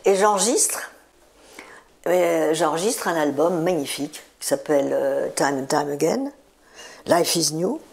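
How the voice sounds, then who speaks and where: A woman's voice: low-pitched, unhurried, vocal fry, darkish tone. A woman in her seventies, a singer, telling stories in a chatty interview, repeating words for emphasis. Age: 70s. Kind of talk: relaxed interview storytelling.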